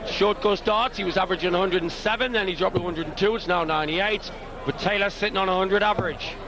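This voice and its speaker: A man commentates on live darts in a theatrical, colourful manner. His voice sits high, and a very loud, noisy crowd surges behind him. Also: fast talker. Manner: colourful, theatrical turns of phrase.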